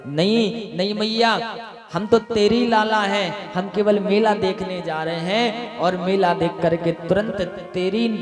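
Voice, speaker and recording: A playful young boy gently coaxes and reassures his mother, as a male storyteller puts him on. He speaks slowly, in a slightly raised voice. The sound is echoey, with music playing behind. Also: high voice, fairly even intonation. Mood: reassuring. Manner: coaxing, reassuring.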